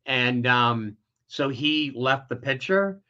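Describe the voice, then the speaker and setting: A man's voice: medium pitch, animated, slow, bright, forceful tone, highs cut off. A middle-aged man, an interview guest, candidly telling a painful personal story with many restarts.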